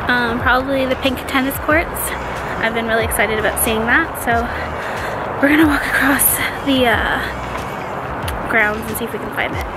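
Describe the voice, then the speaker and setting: A young woman talks casually into a camera held at arm's length, her voice sitting a little high. She is blunt and sarcastic. Loud music plays under her. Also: steady tone, normal speed, rough recording. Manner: blunt, sarcastic food critique. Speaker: vlogger. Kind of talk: casual vlog narration. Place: in a car, then outdoors at a hotel.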